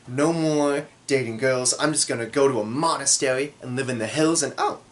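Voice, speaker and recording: A man with a medium-pitched voice tells a funny story from his own life, playing it theatrically and self-deprecatingly with dramatic pauses.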